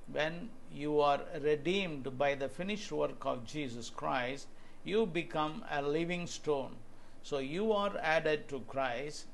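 A man's voice: a little high, vocal fry, a little hiss or hum. A man in his sixties with an Indian English accent preaching earnestly to camera in a small room, quoting scripture. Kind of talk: home video sermon.

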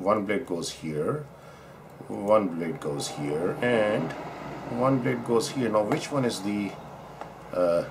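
A man's voice: low-pitched, background noise. A man from Pakistan, a doctor, chatting casually through a razor unboxing at his desk, rambling and correcting himself as he admires the parts. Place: indoors at a desk, overhead camera.

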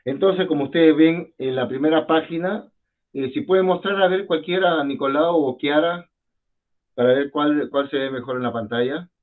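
A man's voice: on the high side, moderate pace. A man with a Peruvian Spanish accent teaching an online French class, patiently repeating words and asking students questions over a video call. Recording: phone-like video call audio.

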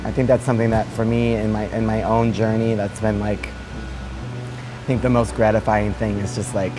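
A man's voice: fairly low pitch, flat delivery, normal speed, music in the background, low-quality recording. A man in his thirties, a dance teacher, giving reflective interview answers with many fillers and restarts, recorded on a lapel mic in a large hotel lounge.

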